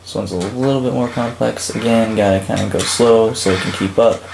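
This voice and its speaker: A man's voice: lowish voice, fairly quick, vocal fry. A man casually narrating a gameplay walkthrough of a level he built, rambling with frequent fillers. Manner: relaxed, rambling, many "um"s and "like"s. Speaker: game creator and channel host. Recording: roomy with faint background noise.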